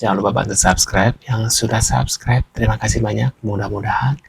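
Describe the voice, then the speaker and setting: A man's voice: fairly low pitch, fairly even intonation, a little fast, vocal fry, breathy edge. A man hosting a casual reaction channel, repeating himself as he goes.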